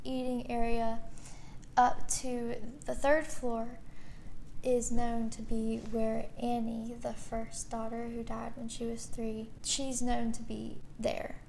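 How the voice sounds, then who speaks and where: Slow, creaky-voiced woman explaining. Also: a little high, monotone, a little mellow, a little hiss or hum, rough recording. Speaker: vlog co-host. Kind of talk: casual explaining to camera. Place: room inside an old mansion.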